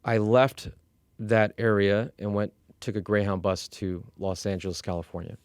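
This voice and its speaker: A middle-aged man from Iran, working as an executive coach, telling his life story as a guest in a candid, measured way, with fillers and restarts. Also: lowish voice, flat delivery, clean tone, dry recording, studio quality. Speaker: interview guest.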